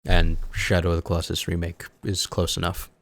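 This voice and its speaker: Low-voiced chatty man podcasting. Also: brisk, creaky. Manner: chatty, animated storyteller who acts out quotes. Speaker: podcast co-host. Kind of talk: casual chat about games.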